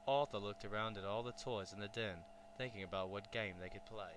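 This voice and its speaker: A man narrating a children's storybook in a clear, even storytelling way, with a faint hum. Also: fairly low pitch, brisk.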